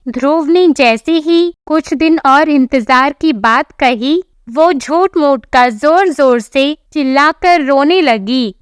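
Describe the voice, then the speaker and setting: A woman narrating a family story in an even, scripted storytelling manner. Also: sits high, takes it slowly, few pauses, no echo, clean studio sound.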